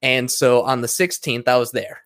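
A man's voice: mid-range voice, fairly even intonation, normal speed, fairly bright tone. A man in a casual debate, talking earnestly and persuasively with many fillers. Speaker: conversation partner.

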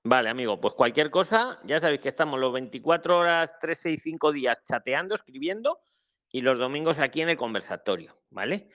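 Male host, lively swooping voice, explains things over and over on a live call. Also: a little high, quick pace. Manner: animated, repetitive explaining. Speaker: host of an online immigration advice session.

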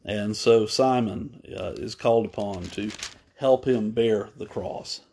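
A man preaching a sermon, retelling a story at an unhurried pace with pauses, fillers and small self-corrections. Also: on the low side, creaky, dark tone, a little hiss or hum.

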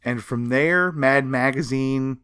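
A male podcast co-host recounts pop culture history in a casual, conversational style, leaning heavily on emphasis. He speaks slowly in a mid-range voice with a fairly bright, smooth tone, and there's no echo.

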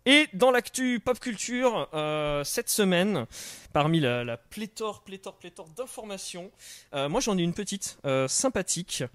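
A man's voice: high-pitched, big pitch swings, unhurried, fairly bright tone, a little hiss or hum. A young man hosting a live stream in casual chat, full of fillers and restarts. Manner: hesitant, many fillers and restarts. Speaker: stream host. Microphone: studio microphone.

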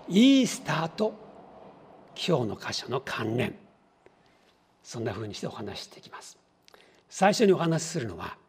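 A pastor with a medium-pitched, breathy voice preaches a sermon in a teacherly way. He asks the congregation questions and dramatizes small everyday scenes, switching between voices.

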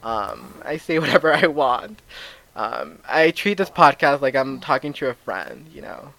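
A man's voice: mid-range voice, very animated, unhurried, creaky, a bit bright. A man with a lisp that makes his s sounds slushy, chatting candidly and casually as a podcast host.

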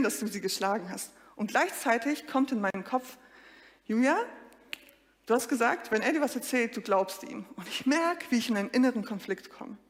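Woman preaching a lively story sermon. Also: a little high, long reverb tail. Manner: lively storytelling, addressing the congregation directly.

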